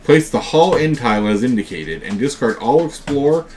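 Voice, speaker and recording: Hosting and playing in a board game session, a man reads the game's text aloud with some drama, then explains the rules in a relaxed, casual way. His voice is mid-range and his pace moderate.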